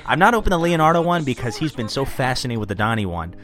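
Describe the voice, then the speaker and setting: A man's voice: medium pitch, very animated, quick pace, a bit bright, soft background music. A man hosting a podcast, giving casual, chatty, amused running commentary on a cartoon. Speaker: podcast host.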